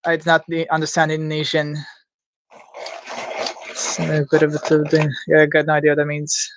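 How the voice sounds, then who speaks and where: Drawing on a live stream, this streamer from Latvia, a native Latvian speaker, thinks out loud with casual, uncertain, self-deprecating remarks. The mid-range voice is completely flat and moderately paced, with a little background noise.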